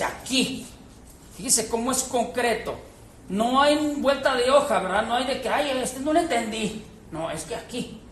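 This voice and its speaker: A woman teaching a Bible class to a group, animated and quizzing her listeners. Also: a little high, a little hiss or hum. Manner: animated, questions the audience, acts out quotes. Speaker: church teacher. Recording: echoey room with faint ambience.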